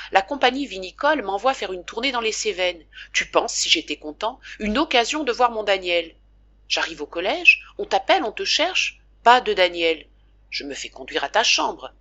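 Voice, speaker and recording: A woman's voice: mid-range voice, bright, forceful tone, muffled recording. A woman reading the part of a talkative, affectionate father who fusses over his sick son. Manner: chatty, scolding fondly. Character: doting talkative middle-aged father.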